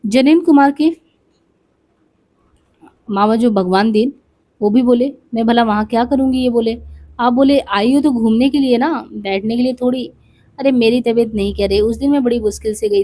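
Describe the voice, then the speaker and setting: Woman reading a memoir aloud, somewhat high voice. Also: steady tone, normal speed, warm tone. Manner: reads dialogue aloud with small asides and restarts. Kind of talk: expressive reading of a memoir for exam study.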